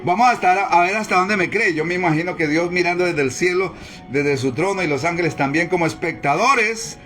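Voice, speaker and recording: A male pastor delivers a sermon in a high voice with a bright, forceful edge. He preaches emphatically, repeating key phrases to drive them home. Quiet music runs underneath. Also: fairly quick. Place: church service, streamed live.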